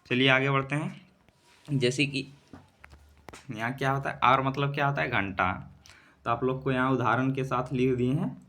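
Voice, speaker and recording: A man teaching an English grammar lesson in for exam preparation. He asks his students questions and answers them himself, and spells out letters and words slowly. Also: medium pitch, steady tone, sharp tone.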